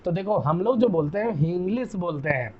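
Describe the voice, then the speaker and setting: A young Indian man with an Indian accent, giving a chatty chemistry lesson and often checking "clear?". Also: high voice, expressive, brisk, highs cut off, a crowd in the background. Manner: chatty, repeats key terms, asks "clear?". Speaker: chemistry teacher. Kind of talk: casual classroom lecture.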